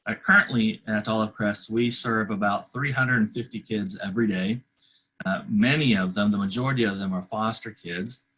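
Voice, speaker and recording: A man's voice: on the low side, fairly even intonation, normal speed, bright, forceful tone, slightly rough, poor audio. A man giving earnest, conversational interview answers as a charity representative, with somewhat hesitant phrasing.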